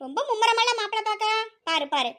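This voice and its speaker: A woman playing a stern scheming aunt, high-pitched. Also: animated, rapid-fire, exaggerated voice. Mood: calm, wary. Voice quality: sharp, scolding. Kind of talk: hobby audio drama.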